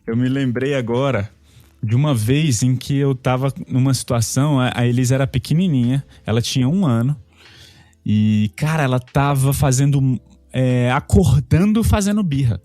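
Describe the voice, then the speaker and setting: A man's voice: medium pitch, moderate pace, warm tone, dry recording. A man with a Brazilian Portuguese accent, a pastor co-hosting a podcast, telling a heartfelt personal story in casual chat with many restarts.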